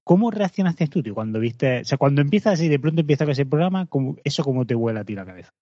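A man from Spain with a Spanish accent, co-hosting a podcast in excitable casual chat, swearing and laughing often. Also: mid-range voice, racing, no echo, dull audio. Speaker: podcast co-host.

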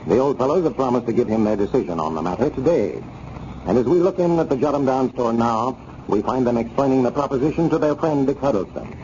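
Male old radio show announcer, upbeat sales pitch, lively swings in pitch, warm tone, muffled vintage broadcast sound. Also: slight background noise. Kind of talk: scripted old-time radio announcing and commercial read. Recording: dull, lo-fi old radio recording.

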